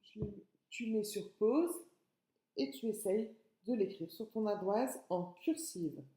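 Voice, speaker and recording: A woman with a French accent teaches young children, slowly and patiently breaking words into sounds and syllables. Her voice is mellow and soft, and the room adds a clear echo. She speaks at an unhurried pace. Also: mid-range voice, lively intonation. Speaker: kindergarten teacher. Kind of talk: remote writing lesson for young children.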